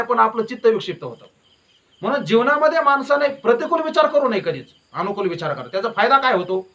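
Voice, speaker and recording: A man delivers a devotional sermon in a high, ringing voice, hammering his points home by repeating them. He keeps drifting into folksy stories. The recording is dull and lo-fi. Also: bright, forceful tone. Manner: emphatic and repetitive, with folksy storytelling. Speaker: devotional preacher.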